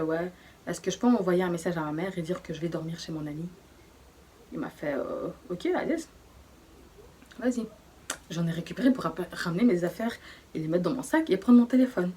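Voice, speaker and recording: A young woman telling a personal story in a casual, slangy way, often hushed, with many fillers. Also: on the low side, fairly quick, a little hiss or hum. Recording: voice distant from the mic.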